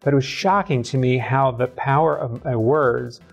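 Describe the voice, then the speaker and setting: A middle-aged man from the American South, a guest in an interview, talking candidly with a quick, self-deprecating, sardonic wit. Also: medium pitch, creaky, husky, soft background music. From southern United States. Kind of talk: candid conversational storytelling.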